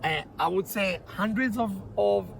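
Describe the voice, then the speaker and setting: A man's voice: sits high, a little slow, gravelly, crowd noise, poor audio. A man hosting a podcast interview outdoors, chatty and often repeating words as he searches for phrasing. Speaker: podcast host. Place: outdoors on a property.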